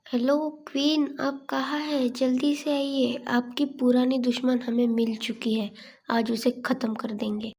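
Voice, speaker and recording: A woman voicing a loyal male henchman who talks in a hushed, boastful way. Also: high-pitched, level tone, a little slow, slightly rough, heavily acted.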